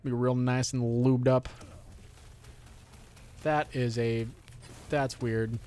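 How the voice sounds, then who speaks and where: A man's voice: mid-range voice, fairly even intonation, slow, darkish tone, clean tone. A young man with a sore throat, streaming and commenting casually on a game, rambling and cursing as he talks to himself and the game. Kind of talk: casual live gameplay commentary.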